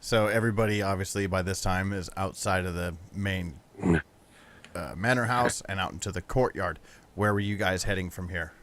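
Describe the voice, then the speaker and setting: A man's voice: sits low, moderate pace, fairly bright tone. A man narrating a tabletop role-playing game casually as game master.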